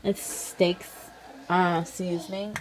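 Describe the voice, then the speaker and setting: A woman's voice: lowish voice, little pitch movement, slow pace. A young woman from Canada, chatting casually into a phone held at arm's length as she vlogs, rambling with lots of fillers. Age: young adult. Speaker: vlogger. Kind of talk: casual vlog chat. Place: outdoors in parking lots and streets, later a home kitchen. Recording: phone audio with clear street noise.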